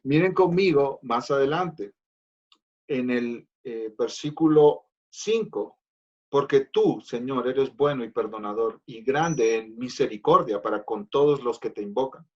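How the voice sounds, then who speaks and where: A man's voice: medium pitch, animated, unhurried, a little mellow, lo-fi sound. A man preaching a Bible study as pastor, earnest and repeating phrases for emphasis, addressing listeners as his brothers.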